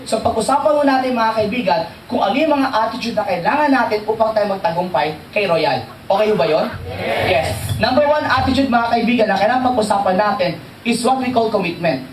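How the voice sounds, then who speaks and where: A man giving a motivational training talk to an audience, animated and joking, often quizzing the listeners. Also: sits high, a little fast, a little hiss or hum. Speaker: seminar trainer. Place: seminar hall with audience. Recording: echoey hall, distant mic, faint crowd.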